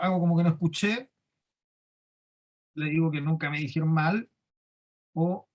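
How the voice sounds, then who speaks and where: A man's voice: on the high side, a little mellow. Chilean man teaching a workshop. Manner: explanatory, keeps asking the class questions. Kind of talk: leadership class lecture.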